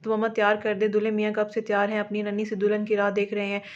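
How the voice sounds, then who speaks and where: A woman's voice: mid-range voice, monotone, rapid-fire, lightly acted. Teasing young brother, read by a woman. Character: playful teasing young man, cheerful brother. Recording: dull lo-fi audio.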